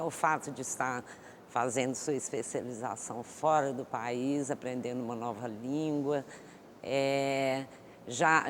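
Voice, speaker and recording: A woman guest expert in an interview, answering thoughtfully with many pauses and restarts. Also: extremely low pitch. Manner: hesitant, many fillers and restarts. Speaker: economist guest. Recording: long hall reverb with faint noise.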